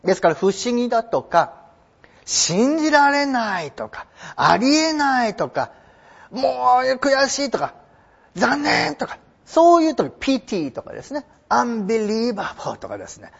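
A man teaching English in a lively lecture, his high voice leaping up and down as he stresses points. His tone is husky, and the recording sounds muffled and lo-fi. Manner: animated, emphatic explaining; reads English slowly. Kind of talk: lecture explaining an English passage.

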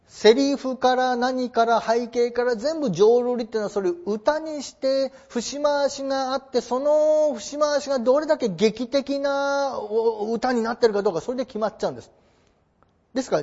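The lecturer here is a man whose high voice is creaky and a little mellow. Politely explaining traditional theatre to a class, he asks his listeners rhetorical questions, all on a dull, lo-fi recording.

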